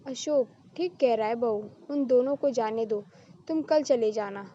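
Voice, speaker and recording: A woman reading the lines of a calm, sensible mother-in-law in a storybook drama, with an advising delivery. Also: on the high side, a little slow, muffled recording.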